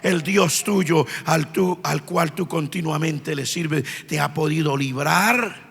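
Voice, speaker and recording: A man acting out a sorrowful ancient king inside a sermon, with slow, hushed, drawn-out pleading. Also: very high-pitched, steady tone, pitched above the performer's own voice, full character voice. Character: grieving ancient king, anxious and devoted. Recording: long church reverb.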